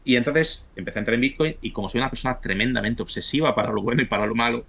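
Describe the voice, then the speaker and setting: A man's voice: mid-range voice, rapid-fire, gravelly, a bit bright. A man in his forties from Italy, whose first language is Italian, talking at length as an interview guest with frequent restarts. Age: 40s. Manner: talkative, many restarts and stumbles. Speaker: guest, university professor. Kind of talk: casual interview conversation.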